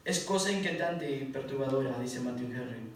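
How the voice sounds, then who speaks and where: A man preaching a sermon, reading scripture in loud emphatic bursts and dropping low for quieter asides. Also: lively intonation, normal speed. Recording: echoey hall from far off, faint noise.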